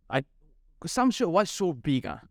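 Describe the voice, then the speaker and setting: A man's voice: on the high side, no echo. Malaysian man hosting a casual podcast, dry close sound. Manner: colloquial English with local particles and slang. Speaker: podcast host.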